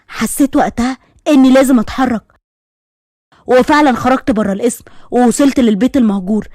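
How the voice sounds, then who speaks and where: A woman with an Egyptian accent narrating a first-person horror story in a suspenseful, brisk manner. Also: fairly high pitch, a little mellow, no room sound, clean studio sound. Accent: Egyptian Arabic.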